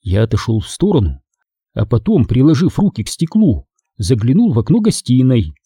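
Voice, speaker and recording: A man's voice: mid-range voice, huge pitch swings, moderate pace, dark tone, slightly rough, no echo, studio quality. A man narrating a first-person audiobook expressively.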